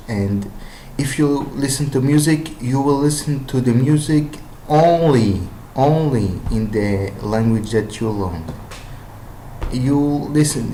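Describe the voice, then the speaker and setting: Speaking in a dark-toned, mid-range voice, an Israeli-accented man who grew up with Hebrew offers tips on learning languages. His casual talk stumbles along with fillers and restarts, recorded with roomy echo and slight background noise.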